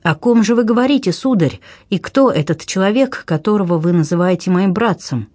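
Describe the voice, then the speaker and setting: A man's voice: high-pitched, lively intonation, a little fast, darkish tone, dry recording, studio quality. A man reading an audiobook, voicing a proud noblewoman, a duchess who is agitated and exclaims in a raised voice. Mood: distraught.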